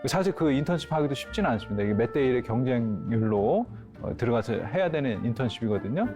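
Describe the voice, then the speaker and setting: A man's voice: medium pitch, fast, soft background music. A man, a pastor and grief counselor, telling a personal story in a lecture and acting out the voices of the people in it. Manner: animated, acts out dialogue in his story.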